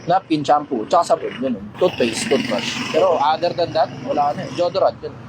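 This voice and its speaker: A man hosting a casual livestream Q&A, talking bluntly, swearing casually and getting loud when he makes a point. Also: a little high, brisk, background noise. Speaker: livestream host answering questions.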